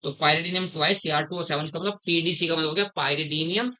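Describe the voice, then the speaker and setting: A middle-aged man teaching a chemistry class, slowly repeating terms, quizzing his students and calling them "beta". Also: on the high side, fairly even intonation, sharp tone, poor audio. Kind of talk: classroom lecture.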